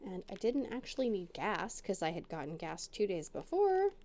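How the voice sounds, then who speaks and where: A middle-aged woman's mid-range, sing-song voice sounds a little mellow as she speaks at a moderate pace. Crafting at her dining room table for her channel, she chats casually, rambles and jokes at her own expense.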